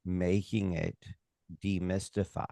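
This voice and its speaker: American male stage hypnotist, emphatic interview guest. Low-pitched, unhurried, very dry sound. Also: level tone, creaky, dark tone, dry recording. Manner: emphatic, opinionated, halting with repeated rhetorical asides. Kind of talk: casual interview talk.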